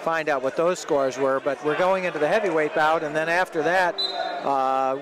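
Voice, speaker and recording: A man with a fairly high voice, speaking at normal speed, does rambling, explanatory play-by-play commentary on live wrestling for radio. He's in a large indoor sports arena, with a loud crowd and the bouncing and thuds of a tournament behind him.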